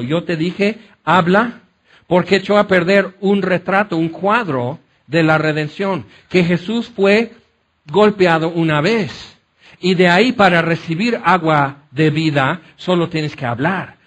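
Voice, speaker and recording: A man preaching a conversational sermon, animated, acting out scenes and checking in often with his listeners. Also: on the high side. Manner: animated, acts out scenes, frequent "¿ok?" check-ins.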